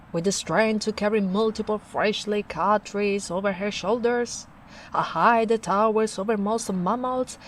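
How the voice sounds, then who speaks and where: This young woman's natural, medium-pitched voice carries a soft ASMR roleplay where she plays a kind, protective ogress. She speaks slowly and calmingly, slipping in hushed, breathy asides over a faint hiss or hum.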